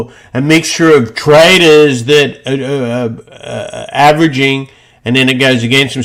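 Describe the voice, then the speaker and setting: Rambling male trader walking through charts. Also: mid-range voice. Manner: loose, rambling, thinking aloud with fillers. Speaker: market analyst presenting charts. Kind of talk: screen-share chart walkthrough.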